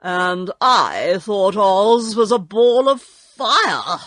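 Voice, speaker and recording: A woman's voice: mid-range voice, lively intonation, drawn-out words, a bit bright, no room sound, exaggerated voice. A woman voicing a cowardly male lion in a storybook, plaintive, demanding and exclaiming. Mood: demanding, dismayed.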